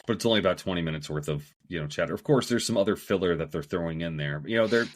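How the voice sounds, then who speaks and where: A man's voice: sits low, rapid-fire, slight background noise. A man from the American Midwest co-hosting a casual podcast, laid-back and full of "you know". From Midwest United States. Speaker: podcast co-host. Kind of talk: casual chat.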